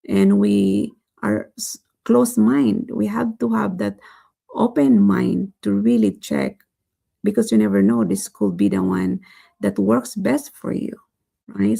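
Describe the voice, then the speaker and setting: A woman vlogger hosting a daily challenge gives her viewers an earnest motivational talk, repeating "right?" often. Her medium-pitched, mellow voice is going hoarse.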